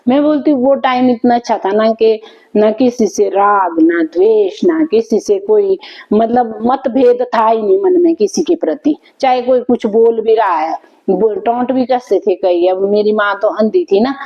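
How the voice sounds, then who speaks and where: A woman's voice: fairly high pitch, expressive, highs cut off. Reflective woman with a lilt. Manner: unhurried and reflective, with many thinking pauses. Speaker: vlogger. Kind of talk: casual reminiscing talk to camera.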